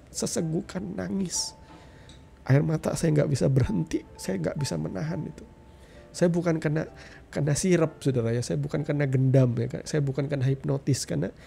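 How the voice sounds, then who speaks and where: A middle-aged man preaches his testimony in an earnest, direct way, often turning to address the listeners. His voice is gravelly and warm. Soft music plays faintly behind him. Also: a little high. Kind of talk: testimony sermon.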